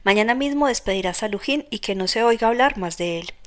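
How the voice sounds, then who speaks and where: A woman's voice: fairly high pitch, lively intonation, a little fast, natural voice. Woman narrator voicing an irritable young man, feverish, curt, insistent, storybook reading.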